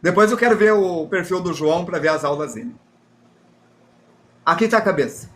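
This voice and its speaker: High-voiced chatty Brazilian man teaching drawing. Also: lively intonation, normal speed, a bit bright. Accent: Brazilian Portuguese. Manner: chatty, self-deprecating, explains while drawing. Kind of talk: live drawing lesson, reading chat.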